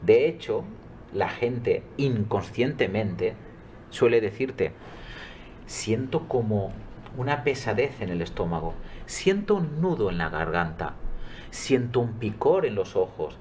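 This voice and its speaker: A man's voice: lowish voice, very animated, takes it slowly, a little mellow, a little hiss or hum. A middle-aged man, a coach, answering interview questions earnestly and emphatically. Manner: earnest, emphatic, quotes his own dialogues.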